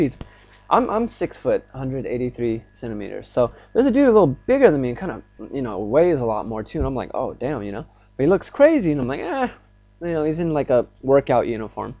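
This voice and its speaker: A man's voice: mid-range voice, a little mellow, dull audio. A young man telling a rambling personal story to his phone camera in a casual vlog, full of fillers. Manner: rambling, filler-heavy, grows agitated as the story builds. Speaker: vlogger.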